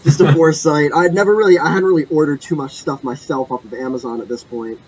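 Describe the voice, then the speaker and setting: A man's voice: fairly high pitch, fast talker, darkish tone. A young man co-hosting a casual podcast, rambling through a story and correcting himself as he goes. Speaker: podcast co-host. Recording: muffled lo-fi mic with faint background noise.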